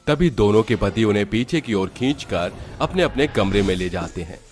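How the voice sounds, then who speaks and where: A man tells a cartoon story in a steady, scripted narrator's voice, pitched a little low. Soft music plays behind him. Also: normal speed.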